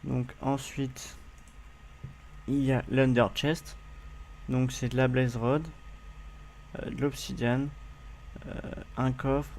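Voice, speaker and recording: A man's voice: mid-range voice, vocal fry, darkish tone, slight background noise. A man with a French accent hosting a game tutorial, speaking casually with many fillers and hesitations as he addresses viewers. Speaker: gaming tutorial host.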